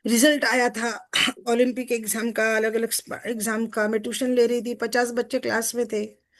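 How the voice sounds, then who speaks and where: A woman's voice: fairly high pitch, level tone, normal speed. A middle-aged woman coach leading a guided self-forgiveness exercise over a video call, earnest and emotional, speaking to herself by name. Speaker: success coach.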